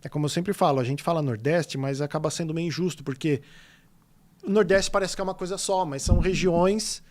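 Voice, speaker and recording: Slightly high and brisk, a Brazilian man from São Paulo state chats as a guest illustrator in an informal podcast interview. His São Paulo Portuguese stories wander animatedly, thick with fillers.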